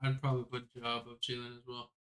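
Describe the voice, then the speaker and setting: A man's voice: medium pitch, quick pace. A man co-hosting a podcast, reading out player rankings and chatting casually about basketball. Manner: relaxed, reads out rankings. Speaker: podcast co-host. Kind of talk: casual sports chat.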